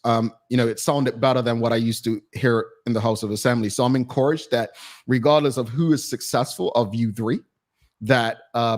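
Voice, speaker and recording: A man hosting a talk show, relaxed and easygoing, with frequent restarts and fillers. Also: mid-range voice.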